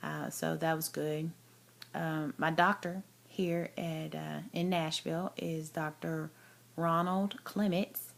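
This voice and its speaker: A woman's voice: low-pitched, steady tone, takes it slowly, gravelly. A woman gives a casual, chatty personal update, speaking candidly and with emphasis, as if to friends. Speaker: vlogger giving a health update. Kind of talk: casual chat to camera.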